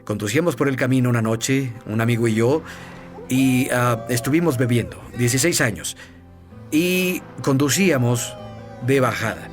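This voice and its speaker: Man, middle pitch, earnest storyteller, faint music under him. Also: normal speed. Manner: storytelling, earnest, laughs while telling. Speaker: evangelist guest. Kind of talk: testimony in a TV interview.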